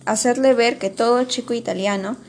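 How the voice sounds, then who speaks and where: Storybook part: a grave, solemn male teacher, read by a woman. He is formal and earnest and speaks in measured lines. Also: fairly high pitch, steady tone, darkish tone, a little hiss or hum, natural voice. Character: solemn, stern male schoolteacher, middle-aged.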